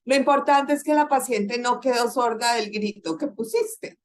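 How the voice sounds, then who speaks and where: A woman's voice: a little high, moderate pace. A woman moderating a panel, replying briefly and encouragingly before handing the turn to the next speaker.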